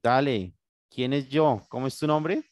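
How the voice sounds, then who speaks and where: A man's voice: mid-range voice, measured pace. A Colombian man teaching an English class over a video call in Spanish, patient and guiding, often checking in with his students. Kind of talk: online class, bilingual instruction. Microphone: computer mic on video call.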